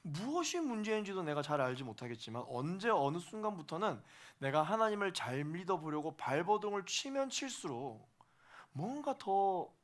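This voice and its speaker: A male pastor preaching to young adults, emphatic, repeating phrases for stress and swinging between soft and loud. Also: high voice, sing-song, moderate pace. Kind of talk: sermon to a young adults' congregation.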